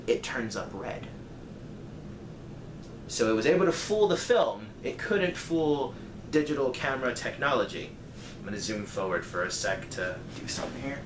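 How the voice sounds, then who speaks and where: A storyteller vlogger with a lowish voice shares a personal story casually with viewers, acting out bits of dialogue along the way. He's animated, speaks at a moderate pace, and pauses often. The recording is roomy and echoey, with clear background noise.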